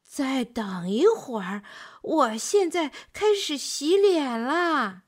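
Woman doing a slow, drawling snail. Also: high-pitched, very animated, pitched above the performer's own voice, full character voice. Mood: leisurely. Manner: drawls slowly. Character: slow unhurried male snail.

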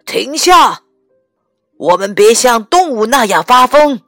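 Woman doing a firm, low-voiced animal doctor. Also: lively intonation, takes it slowly, no echo, studio quality, faint music behind. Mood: stern. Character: brisk grown man, a busy animal doctor.

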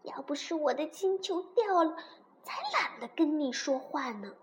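A woman's voice: sits high, lively intonation, unhurried, slight background noise. A woman voicing a spoiled, haughty little princess in a storybook, petulant and disdainful.

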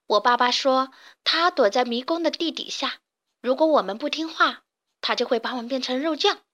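A woman's voice: high voice, normal speed, fairly bright tone. A woman voicing a timid, tearful little girl fox cub in a children's audiobook, with a whimpering, pleading manner. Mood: worried.

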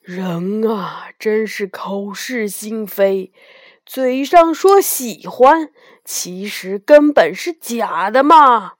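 Kind male sky dragon for a bedtime story, lively voice; woman narrator plays it. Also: a little high, takes it slowly, dry recording, studio quality. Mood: disappointed.

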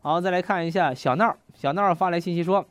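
A man's voice: sits high, fairly quick, a bit bright, no echo, faint music behind. A man hosts a comic radio show, reading jokes and laughing at his own punchlines. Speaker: radio host.

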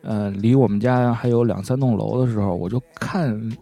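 A man, co-hosting a podcast and telling an anecdote in a chatty, animated way, often asking "you know?". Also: fairly low pitch, moderate pace, soft background music. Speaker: podcast co-host. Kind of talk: casual storytelling chat.

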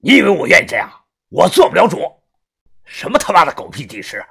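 A gruff, foul-mouthed middle-aged man, as an audiobook narrator puts him on, husky and breathy, sinking into a low grave tone. His pitch still moves about a lot as he talks. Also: wildly swooping pitch, quick pace, pushed and bright, full character voice. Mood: angry. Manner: swearing, lowered grave tone when explaining. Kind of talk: audiobook character voice.

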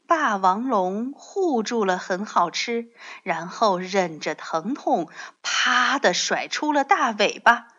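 A woman reading a picture book aloud in a soft, expressive storytelling voice. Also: medium pitch, slow, few pauses. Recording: dull lo-fi audio.

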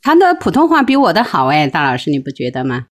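A woman's voice: deep voice, wildly swooping pitch, fast. Chatty woman co-host asking questions. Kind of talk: casual chat asking questions.

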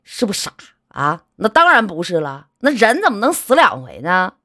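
A woman voicing a weary, fatalistic middle-aged rural uncle who talks in a gruff, scolding, sighing way. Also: medium pitch, huge pitch swings, normal speed, sharp tone, no room sound, clean studio sound.

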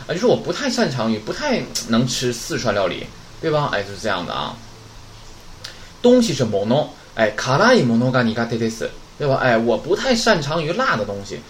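A man teaching Japanese vocabulary in a chatty way, often asking a question and answering it himself. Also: a little hiss or hum. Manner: chatty, asks rhetorical questions and answers them; lively, swinging pitch. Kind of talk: casual vocabulary lesson.

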